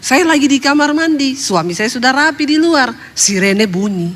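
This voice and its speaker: A woman pastor with a high voice, preaching through a string of chatty, funny stories. Her words ring on in the long reverb of a hall. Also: lively intonation, moderate pace, fairly bright tone. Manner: chatty and humorous, laughing at her own jokes. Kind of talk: storytelling sermon.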